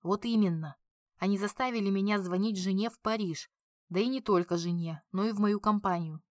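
A woman's voice: medium pitch, a little fast, no room sound, natural voice. A cold, worn-out beaten Frenchman, read by a woman in a clipped, tired voice. The sound is close and dry, with no room around it. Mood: weary. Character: bitter beaten French man, cold and weary.

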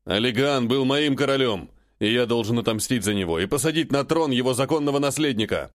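A man's voice: medium pitch, expressive, fairly quick, no echo, clean studio sound, close to an everyday voice. A man voicing a fierce, loyal male warrior who growls out his words. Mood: vengeful.

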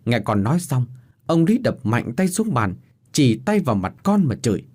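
A man narrating a scripted spoken story in an expressive way. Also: mid-range voice, moderate pace.

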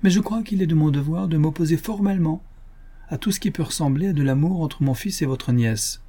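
A man's voice: fairly high pitch, fairly quick, dark tone, husky, voice pushed up. A man voicing a haughty, scheming aristocratic mother who talks in a sugary, insistent, lofty tone, reading an audiobook novel. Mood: lofty, stern.

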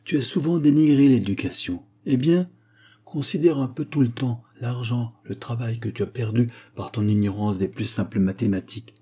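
A man voicing a pompous, educated young man who lectures his companion and is quick to take offense. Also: medium pitch, dark tone, slightly rough, natural voice. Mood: lecturing. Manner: lecturing, indignant.

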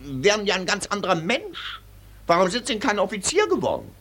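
In a 1940s radio drama, an older male actor plays a pompous, condescending military colonel who lectures with bluster and patronizing airs. His exaggerated voice is high-pitched, brisk, fairly bright, and breathy, with huge pitch swings.

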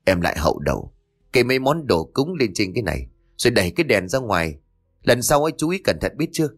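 A man voicing a stern, gruff middle-aged husband who scolds curtly and hides a cruel streak. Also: mid-range voice, very animated, fast, soft background music. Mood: scolding. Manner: scolding, curt.

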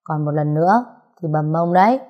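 A woman's voice: sits low, expressive, normal speed, dark tone. A woman voicing a stern but loving young father in a storybook reading, mock-formal.

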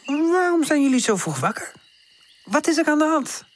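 A woman's voice: sing-song, normal speed, slight background noise. A woman voicing a caring, motherly aunt in a children's storybook. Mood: worried. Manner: warm exclaiming, raised pitch. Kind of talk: storybook character voice.

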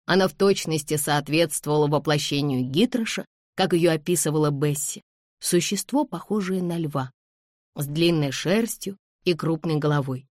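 A woman narrating an audiobook in a measured storytelling manner. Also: low voice, a little mellow, dry recording, clean studio sound.

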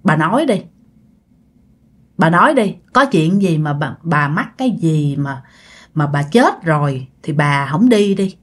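A stern elderly village woman, as a woman storyteller puts her on, speaking low and quiet. She gives firm commands, unafraid of the spirit in this spoken ghost story. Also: expressive, measured pace.

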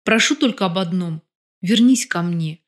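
A woman's voice: lowish voice, animated, normal speed, lightly acted. Audiobook: woman reader doing a cocky husband, mocking, flirty. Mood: pleading. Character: confident husband, smug and teasing.

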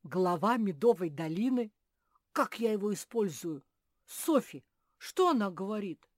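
A woman's voice: medium pitch, very animated, measured pace, no echo, studio quality, voice pushed up. A woman voicing a cheeky, boastful little boy bear cub, whining and easily muddled, in a storybook reading. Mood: indignant.

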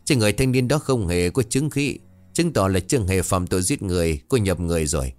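Stern, firm spirit master voiced by a male narrator, low voice. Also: animated, fast, a little mellow. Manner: firm, declarative.

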